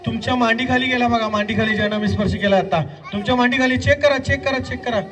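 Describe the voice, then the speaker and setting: A man's voice: very high-pitched, steady tone, quick pace, far from the mic, noisy background. A man leading a stage hypnosis show, giving commanding, repeated orders and counting aloud to volunteers. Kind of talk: hypnosis show instructions to a crowd.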